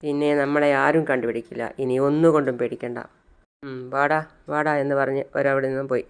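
Smooth-voiced man retelling a story. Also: medium pitch, fairly even intonation, quick pace. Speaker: narrator retelling a TV serial. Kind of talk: casual plot retelling.

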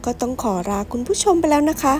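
Travel vlogger, woman, bright high voice with bouncy intonation, polite and chatty, faint music underneath. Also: expressive, quick pace. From Ratchaburi, Thailand. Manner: polite, friendly, often addresses viewers directly. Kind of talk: travel vlog narration to viewers.

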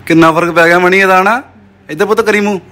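Showing off their wedding album in a home vlog, a young man casually teases his wife and nephew in playful banter. He talks fast in a high-pitched, bright, forceful voice with a steady tone, keeping it a relaxed family chat.

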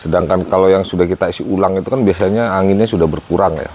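A man's voice: low voice, steady tone, quick pace, a little mellow, a little hiss or hum. A man in his thirties casually reviewing a camping stove outdoors, explaining step by step and calling viewers guys. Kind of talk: casual product review vlog. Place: outdoor patio garden.

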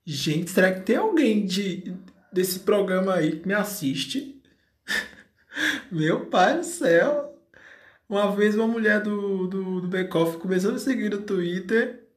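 A man's voice: sits high, a little slow. A man chatting effusively to his viewers as host, giggling and exclaiming often. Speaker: vlogger host. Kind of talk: casual chat to viewers. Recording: roomy echo.

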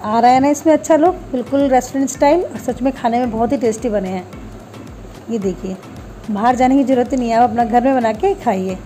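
A woman narrates a home recipe, explaining every step plainly and homely. Her voice sits a touch high yet sounds mellow and warm in tone, with faint background music. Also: fast talker. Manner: homely, talks viewers through each step. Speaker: home cooking channel host.

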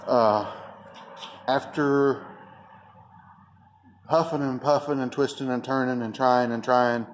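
A man's voice: mid-range voice, steady tone, slow pace, slight background noise. A man, a mechanic talking in a frustrated, plain-spoken way in a casual shop vlog. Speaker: auto mechanic. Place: auto repair shop.

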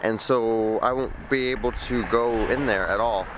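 A man's voice: mid-range voice, normal speed, noisy background. A young man from the Midwest vlogging to a handheld camera on city streets, rambling with jokey, self-deprecating asides. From American Midwest. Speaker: travel vlogger. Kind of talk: casual vlog narration to camera. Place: outdoors on city streets by a river. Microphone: handheld camera at arm's length.

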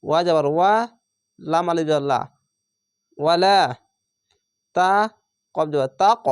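A man with a Bangladeshi Bengali accent teaches recitation at an unhurried pace, sounding out each syllable before chanting the whole word in long drawn-out tones. His voice sits high and rings smooth and clear, recorded close and dry. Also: no room sound. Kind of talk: spelling-out recitation lesson.

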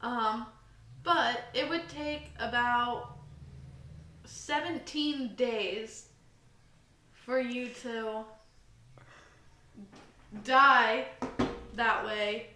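A woman's voice: fairly high pitch, steady tone, drawn-out words, long pauses, sharp tone. A young woman co-hosting a casual podcast, rambling and self-deprecating with many fillers. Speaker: podcast co-host. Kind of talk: casual chat. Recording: roomy, slightly distant mic with faint hiss.

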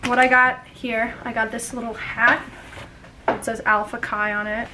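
A woman's voice: on the high side, little pitch movement, moderate pace, background noise. A young woman with a bubbly, gushing sorority-girl manner, chatting casually for a vlog. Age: young adult. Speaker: vlogger, college sorority member.

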